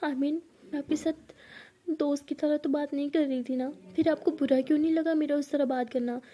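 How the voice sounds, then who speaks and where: A young woman in love begs tearfully for an answer, as a storyteller puts her on. The voice sits high and sounds mellow, pressing and emotional rather than loud. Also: steady tone, normal speed, close to an everyday voice. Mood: pleading. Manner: begging, emotional.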